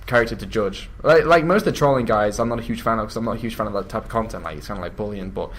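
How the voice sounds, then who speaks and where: A man's voice: on the low side, rapid-fire, a little hiss or hum. A young man with an English accent, a gamer chatting casually, rambling and laughing as he talks. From England. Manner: chatty, drifts into mock voices and laughs. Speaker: YouTube gamer. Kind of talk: casual chat.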